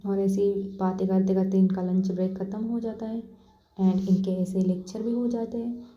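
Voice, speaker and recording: A woman's voice: medium pitch, little pitch movement, moderate pace. A woman telling a story casually in a chatty, rambling way. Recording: echoey, slightly dull room recording.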